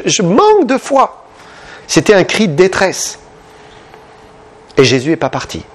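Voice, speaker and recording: Male preacher, somewhat high voice, animated sermon delivery. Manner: impassioned, questioning the listeners, big pitch swings.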